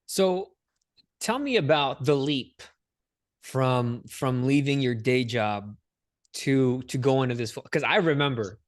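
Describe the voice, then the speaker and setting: A man hosting a podcast in a relaxed, slangy way, with plenty of energy. His voice sits in an ordinary middle pitch. The sound is dry and close, with no room around it. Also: slow pace, no room sound. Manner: energetic, slangy, says "dude" and "man" a lot. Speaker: podcast host. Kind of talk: casual interview chat.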